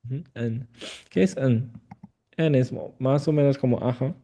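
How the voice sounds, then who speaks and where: A man's voice: mid-range voice, moderate pace, dark tone, lo-fi sound. A man teaching a language lesson, patient and prompting with frequent affirming murmurs. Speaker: Chinese teacher.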